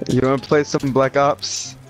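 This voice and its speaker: A man's voice: medium pitch, level tone, normal speed, low-quality recording. A young man chatting casually and jokingly while playing an online game. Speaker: gamer. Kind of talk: casual joking chat during online gaming. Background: music.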